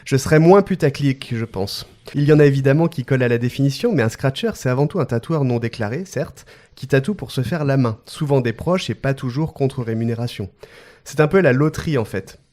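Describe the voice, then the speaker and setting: A man's voice: medium pitch, a little fast, darkish tone. A man hosting a podcast, reading out a guest introduction with playful joking asides and frequent laughter. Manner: playful, often breaks into laughter. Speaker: podcast host.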